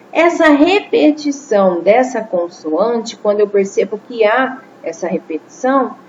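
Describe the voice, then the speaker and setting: A woman's voice: medium pitch, darkish tone. A woman teacher, explaining a lesson patiently and checking in with her listeners. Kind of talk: classroom lesson. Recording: slightly dull lo-fi audio with faint noise.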